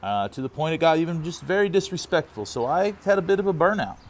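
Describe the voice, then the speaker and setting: An exasperated man delivering a candid, halting, rambling personal monologue as he vents. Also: on the high side, very animated. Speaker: vlogger on a long-distance walk. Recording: noisy outdoors with vehicle sounds.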